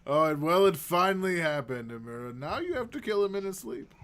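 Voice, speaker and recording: A man's voice: on the high side, big pitch swings, brisk, crowd noise. A man playing a tabletop game, cracking jokes and swearing often. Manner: swearing, wisecracking. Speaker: player. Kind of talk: casual tabletop game chat.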